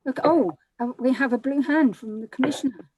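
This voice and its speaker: A woman with an English accent chairing a council panel meeting, brisk and informal with frequent hesitations. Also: sits high, dark tone, breathy edge, dry recording, poor audio.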